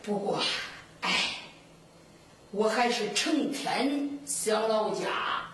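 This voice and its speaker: A woman's voice: medium pitch, expressive, extremely slow. A woman with a Henan accent voicing a boastful, tipsy male imperial horse keeper in a half-sung folk storytelling style. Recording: echoey, distant, noisy live recording.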